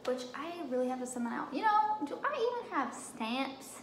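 A woman's voice: sits high, very animated, normal speed. A young woman in her twenties talking casually at her kitchen table in a haul vlog, rambling and poking fun at herself. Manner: chatty, rambling, self-deprecating. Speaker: vlogger. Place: home kitchen table, indoors. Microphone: camera on table. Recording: roomy kitchen with background noise.

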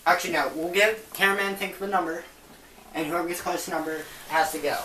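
A man's voice: sits high, steady tone, quick pace, sharp tone. A young man chatting casually as the host of a challenge video. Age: young adult. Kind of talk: casual chat. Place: small bedroom, indoors. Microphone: camera across the room. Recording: echoey, noisy home video, distant mic.

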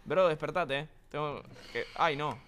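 A man's voice: a little high, unhurried, fairly bright tone, slight background noise. A young man with an Argentine accent chatting live while gaming, full of crude banter, slang and swearing. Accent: Argentine Spanish. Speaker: streamer. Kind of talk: live gaming stream chat.

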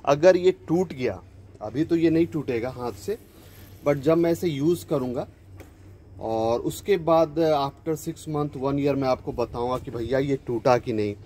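This host of a DIY repair video speaks a little slowly in a dark, mid-range voice. Standing outside by a scooter, he narrates his repair casually, chatting with viewers as though they're friends and blending English words into his Hindi.

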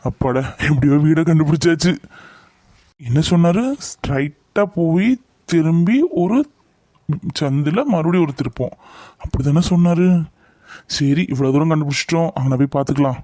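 A man's voice: on the high side, normal speed, pauses often, mellow, no echo, close to an everyday voice. A man voicing a fretful young city man who mixes English words into his talk and mutters to himself.

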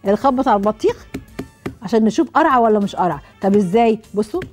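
A woman's voice: mid-range voice, lively intonation, rapid-fire, darkish tone, soft background music. A middle-aged woman with an Egyptian accent hosts a cooking show, demonstrating with a watermelon and asking the viewers questions she answers herself. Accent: Egyptian Arabic.

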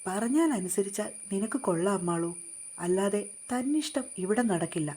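A woman's voice: medium pitch, lively intonation, moderate pace, mellow, breathy edge. A woman voicing a stern, short-tempered young husband who scolds and gives orders in a storybook reading. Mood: scolding. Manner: scolding, commanding.

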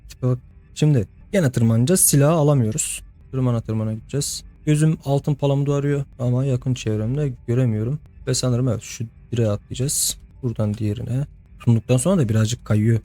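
A man's voice: medium pitch, a little fast, dark tone, soft background music. A young man giving casual let's-play commentary, chatting to the game's characters and laughing often. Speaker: gameplay host.

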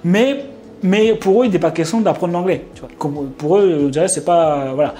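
A young Frenchman telling a casual vlog story, rambling with many fillers and restarts and sudden animated outbursts. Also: fairly high pitch, normal speed. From France. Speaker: vlogger.

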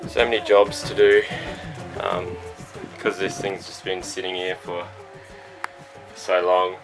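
A young man, chatting casually to camera about fixing up his sailboat, relaxed and rambling with many fillers. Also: sits low, a little slow, music in the background, rough recording. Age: young adult. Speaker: sailing vlog host. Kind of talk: casual vlog talk to camera. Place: on and inside a sailboat. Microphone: action camera held close.

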